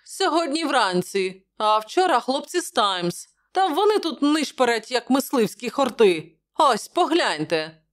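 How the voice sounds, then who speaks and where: A woman voicing a tall gruff male gatekeeper in an audiobook, suspicious, rough, raised pitch. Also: big pitch swings, a little slow, hardly any pauses. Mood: gruff chatter.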